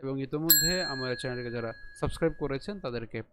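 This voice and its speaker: A man teaching a pronunciation lesson, chanting Sanskrit verses and breaking them into syllables slowly. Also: mid-range voice, very noisy. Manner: slow, syllable-by-syllable demonstration, checking in often. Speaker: Gita recitation teacher.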